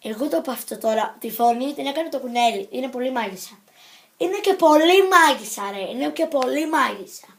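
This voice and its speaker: Speaking to the camera in a casual vlog, a woman with a high, expressive voice rambles playfully. She hops from topic to topic, corrects herself, and comes across as scattered and silly.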